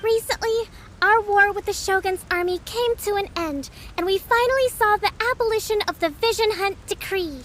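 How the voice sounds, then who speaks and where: A woman playing a gentle, earnest young female leader in a video game, speaking softly and politely in measured phrases. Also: very high voice, slight background noise. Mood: solemn, rallying.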